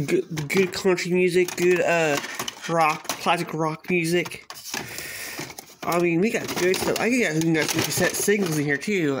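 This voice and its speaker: A cassette collector films his collection at a closet in a small indoor bedroom, speaking from behind a handheld phone. His slightly high voice chats casually, with hesitations and repeats, over a noisy, clicky home recording.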